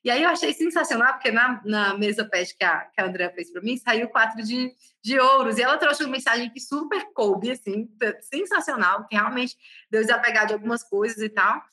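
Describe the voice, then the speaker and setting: A woman with a high, bright voice speaks in an animated, casual way. She tells her stories with emphatic exclamations and shifting tones, like a tarot mentor talking with a friend. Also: a little fast. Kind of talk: casual conversation.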